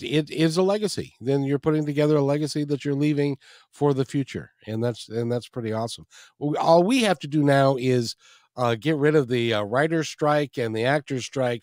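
A man's voice: mid-range voice, darkish tone, no room sound, studio quality. A man hosting a talk show, chatting in a friendly way with a guest and closing the episode. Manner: friendly, chatty, repeats words. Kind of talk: casual interview and show outro.

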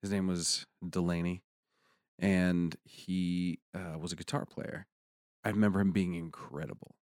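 A man with a very low, deep voice tells a personal story in casual conversation. He talks animatedly and climbs into excited peaks. The sound is dry and close to the mic. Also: a little slow, no echo.

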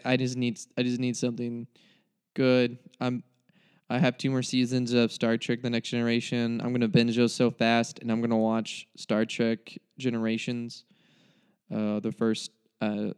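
A man's voice: medium pitch, flat delivery, moderate pace, a little mellow, clean tone. A young man giving a casual spoken movie review, rambling and cutting himself off, with mock-dramatic despair.

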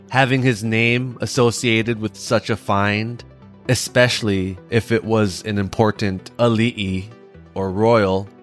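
A man narrating a story in a slow, measured way. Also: on the low side.

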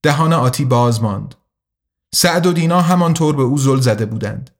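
A man narrating a story in an even, measured way. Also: medium pitch. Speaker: audiobook narrator. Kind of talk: scripted narration.

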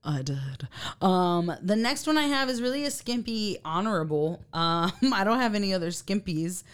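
A woman's voice: mid-range voice, moderate pace, clean tone. A woman co-hosting a podcast, chatting casually and animatedly while reviewing a TV episode. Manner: chatty and animated, fillers and laughs. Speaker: podcast co-host.

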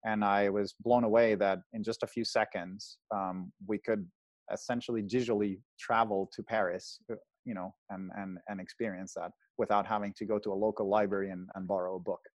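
A man's voice: on the low side, level tone, fairly quick, no room sound. A man in his thirties from Venezuela, a guest telling his story on a video call from home, hesitant with many fillers. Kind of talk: casual interview storytelling. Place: home, indoors.

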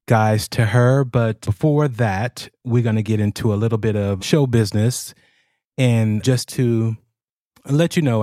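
Male podcast host, fairly low voice, casual chat, dry recording. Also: darkish tone, no echo.

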